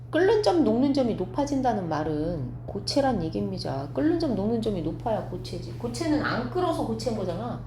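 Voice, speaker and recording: A woman's voice: mid-range voice, a little mellow, a little hiss or hum. Woman teacher in an echoey classroom. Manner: explains step by step, asks students quick check questions. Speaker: science teacher. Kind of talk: classroom lecture.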